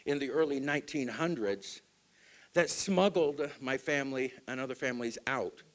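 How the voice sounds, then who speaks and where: A man from Utah giving a public talk to an audience, asking them questions and swinging between loud stresses and hushed asides. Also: mid-range voice, normal speed. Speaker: speaker at a group meeting.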